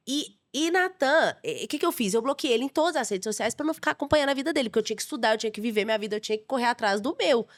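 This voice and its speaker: Expressive young Brazilian woman storyteller. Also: a little high, very fast, few pauses. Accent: Brazilian Portuguese. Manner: lively, emotional storyteller, laughs often. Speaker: guest chef. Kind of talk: casual podcast interview storytelling.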